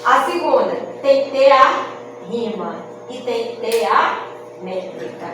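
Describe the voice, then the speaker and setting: This woman has a high, animated voice and speaks slowly, her words echoing around the room. She's a cordel poet from Rio Grande do Norte, Brazil, giving an explanatory lecture at a literary festival and often asking "não é?". The recording comes from a distant mic in a reverberant space with background music.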